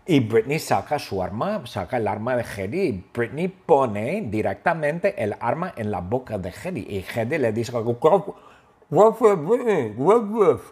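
A man telling a simple story for language learners, lively and playful, with his own sound effects. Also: medium pitch, normal speed, hardly any pauses. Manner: animated, makes gun sound effects. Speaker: language teacher.

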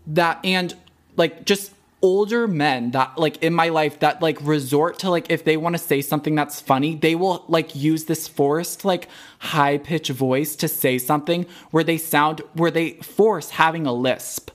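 A woman's voice: sits low, unhurried. Young woman chatting, full of fillers. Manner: many fillers, swears, laughs often. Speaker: podcast co-host. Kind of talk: casual chat.

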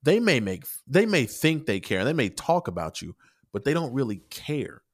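A man's voice: mid-range voice, sing-song, normal speed. A man in casual podcast chat, rambling with many restarts and casual swearing as he explains an article he wrote. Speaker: podcast co-host and article writer.

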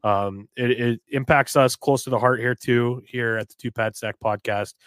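A man from New Hampshire co-hosting a casual sports podcast, animated and quick to get heated, swearing freely. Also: mid-range voice, clean tone, no room sound. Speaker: podcast co-host.

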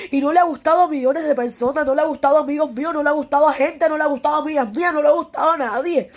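A high-voiced young musician with a Cuban Spanish accent delivers a tearful, emotional monologue to the camera aimed at a critic. Weary yet impassioned, she pleads, uses profanity, and says the same things over and over.

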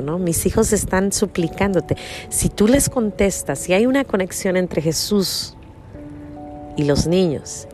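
A middle-aged woman gives a personal faith testimony in a somewhat low voice. She speaks earnestly and repeats herself, often checking in with small tag questions. Soft music plays faintly behind her. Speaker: mother telling a faith testimony.

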